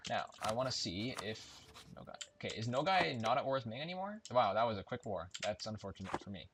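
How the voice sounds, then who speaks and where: A man with a medium-pitched voice and big pitch swings talks a little fast over a noisy background. Playing a strategy game, he gives chatty let's-play commentary, thinking aloud and self-correcting, with game music and keyboard typing audible.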